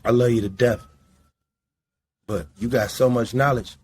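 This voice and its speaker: Unhurried and fairly even in intonation, a mid-range male voice belongs to a Midwestern podcast host in his late forties. He smokes indoors while holding forth in a loose, rambling, foul-mouthed way.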